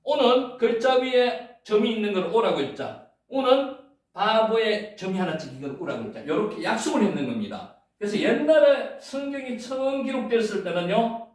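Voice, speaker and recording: High-voiced male lecturer, lively pitch, booming echo, mic distant, playful and repetitive teaching. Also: normal speed. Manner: playful, repeats words, sometimes chants. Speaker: Bible Hebrew lecturer. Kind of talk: classroom lecture. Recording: echoey room, mic far off.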